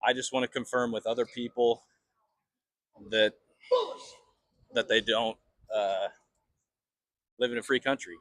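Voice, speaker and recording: An American man working as a street interviewer, talking casually and off the cuff in a rambling, halting way with repeated phrases. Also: mid-range voice, steady tone, a bit bright, dry recording. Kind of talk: casual, unscripted street talk.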